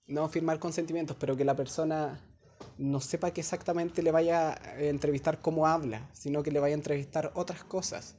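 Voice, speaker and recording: A man's voice: fairly high pitch, dark tone, slight background noise. Young Chilean man as a teaching assistant, loose and rambling, slang-heavy, captured on a phone in class. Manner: chatty and digressive, with casual slang. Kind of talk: informal classroom explanation. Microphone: phone held by a student.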